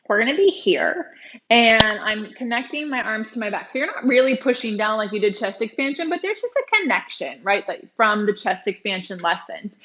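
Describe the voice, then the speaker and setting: A woman's voice: fairly high pitch, fairly bright tone, dull audio. A woman teaching a Pilates tutorial, demonstrating as she moves, chatty and bubbly and a little out of breath.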